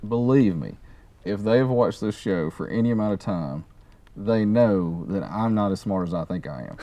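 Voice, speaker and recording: A man hosting a casual sports talk show, animated and quick to laugh. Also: lowish voice.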